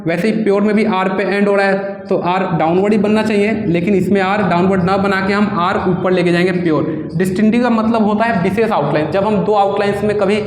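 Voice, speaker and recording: A man with a high voice teaches shorthand to students. He explains each step patiently, repeats key words and asks them questions. His voice rings out in a room with a long, echoing reverb.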